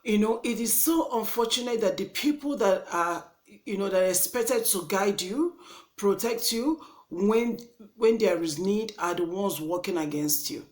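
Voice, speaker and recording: A woman's voice: medium pitch, lively intonation, measured pace, darkish tone. A young woman with a Nigerian accent speaks straight to camera in an earnest, indignant monologue, often repeating and restarting her words. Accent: Nigerian English. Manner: passionate, indignant. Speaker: vlogger. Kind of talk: impassioned vlog monologue.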